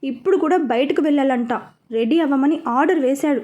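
A woman's voice: high-pitched, brisk, dark tone, natural voice. A woman voicing a frank, irritable young bride complaining on the phone. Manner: complaining, exasperated.

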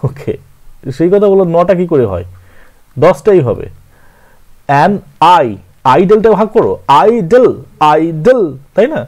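Bengali-accented male tutor, fairly high voice, walks through poetry meter slowly and corrects himself as he goes. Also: big pitch swings, a little mellow. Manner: slow, counting aloud and correcting himself. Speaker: literature teacher. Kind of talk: scanning verse syllable by syllable.

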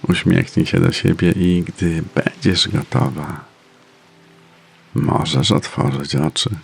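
A man narrating a guided meditation in a soft, soothing, unhurried manner with pauses between phrases. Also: deep voice, vocal fry, slightly rough. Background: faint music.

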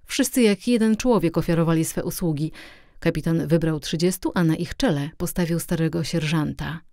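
A woman reads a classic adventure novel aloud as an audiobook, telling it steadily and with expression. Her voice sits fairly low and sounds mellow. The recording is close and dry. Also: brisk, no room sound. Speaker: audiobook reader. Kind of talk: audiobook narration.

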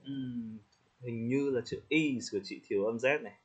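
Man coaching pronunciation, husky. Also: medium pitch. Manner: friendly, demonstrates words slowly with small laughs. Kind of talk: casual spoken feedback on a student's recording. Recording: slightly dull lo-fi audio.

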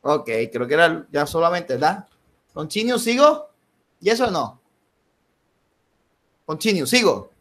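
A man's voice: fairly high pitch, big pitch swings, takes it slowly, long pauses, fairly bright tone. A man teaching a live online English class, switching between Spanish and English and checking in with his students.

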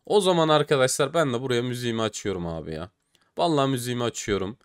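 A man with a Turkish accent doing casual, animated commentary while opening game cases, groaning and swearing at his losses. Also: mid-range voice, racing, smooth. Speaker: gaming YouTuber.

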